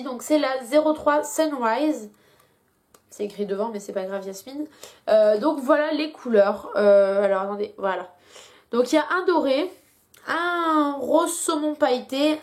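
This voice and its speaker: A woman's voice: sits high, measured pace. A young woman chatting casually in a beauty product review, full of hesitations, while she has a headache. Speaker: beauty vlogger.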